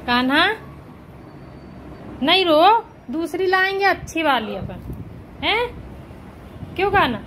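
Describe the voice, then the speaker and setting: Mom vlogger, high voice, soft hiss behind, keeps telling the kids to hush. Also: female voice, very animated, slow, long pauses, low-quality recording. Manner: coaxing, soothing crying children. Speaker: vlogger and mother. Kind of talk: casual family vlog talk.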